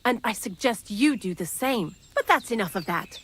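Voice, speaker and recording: A woman's voice: a little high, animated, moderate pace, fairly bright tone, a little hiss or hum. An actress voicing a talkative, sardonic young female thief in video game dialogue. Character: chatty, wry young female thief hiding out. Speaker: miller's thief accomplice in a game.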